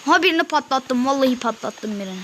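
A woman playing a video game with her son, giving quick orders and scolding. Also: sits high, lively intonation, fairly bright tone. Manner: bossy, hurried, calls out orders. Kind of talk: casual gameplay chat. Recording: noisy home recording.

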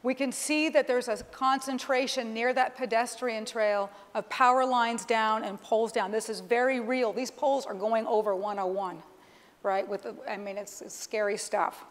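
A middle-aged woman, a corporate executive, gives an explanatory live keynote demonstration on a large indoor conference stage. Her voice is slightly high, steady and at normal speed, picked up by a clip-on lapel mic and heard through the PA with reverberant hall sound.

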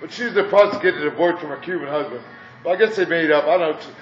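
A man's voice: on the high side, racing. A man in his fifties from Indiana, rambling crudely through stories as a coffee shop customer and chuckling between them. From Indiana, USA. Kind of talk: rambling monologue. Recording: echoey dull distant room recording with music.

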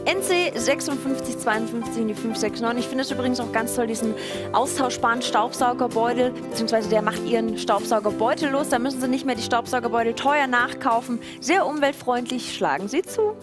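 A woman's voice: on the high side, brisk. A woman in her thirties co-presenting a teleshopping show in a studio, selling in an informal, conversational way. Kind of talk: chatty sales pitch. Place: TV studio set. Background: background music.

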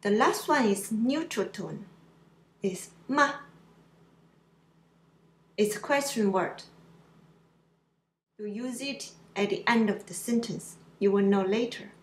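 A woman's voice: mid-range voice, a little slow, long pauses, echoey room. A woman teaching Mandarin pronunciation in simple, slightly broken English, drawing out each syllable and exaggerating the tones. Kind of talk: slow pronunciation lesson.

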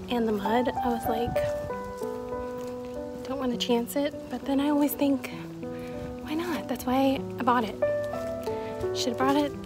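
A woman in her thirties talks to her phone at arm's length as she walks a wooded trail, chatty and self-deprecating, her voice sitting a little high. Music plays clearly underneath. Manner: chatty, self-deprecating, talking to camera while walking. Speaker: vlogger. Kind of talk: casual hiking vlog. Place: outdoors on a forest trail. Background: background music.

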